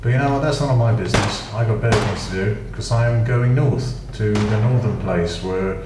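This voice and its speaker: A British gaming channel host with a lowish voice at normal speed rambles casually through gameplay commentary, dropping dry, self-mocking asides. The mic is distant, the room echoey, and the recording noisy.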